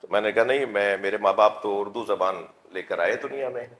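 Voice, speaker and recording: A man preaching a sermon to a seated audience, with slow, drawn-out phrases. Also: lowish voice, fairly bright tone. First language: Urdu. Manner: measured, drawn-out phrasing, calls the audience to recite salutations. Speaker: Shia religious scholar giving a majlis lecture. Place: gathering hall with an audience. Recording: echoey hall.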